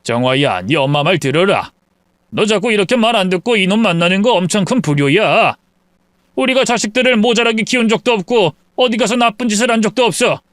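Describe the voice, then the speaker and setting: A man's voice: high voice, animated, a little fast, fairly bright tone, no echo, clean studio sound, voice pushed up. A man voicing a stern lecturing father. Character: stern, weary middle-aged butcher father.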